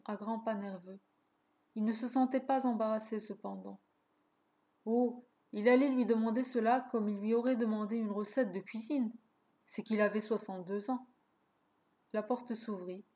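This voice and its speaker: A woman reads a classic short story aloud with a mellow, warm tone. Her delivery is measured and expressive, shaping each sentence with care. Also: medium pitch. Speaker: narrator.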